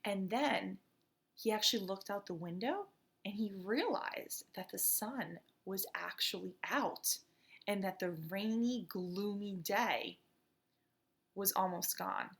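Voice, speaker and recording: Reading a storybook to children after introducing it, an American-born principal chats casually and uses lots of fillers. She speaks slowly in a medium-pitched, creaky voice.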